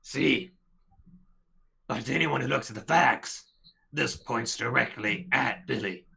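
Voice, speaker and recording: A man voicing a probing, streetwise ghoul investigator in a tabletop game, with a raspy, gravelly voice. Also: medium pitch, unhurried, pushed and bright, heavily acted. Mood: questioning.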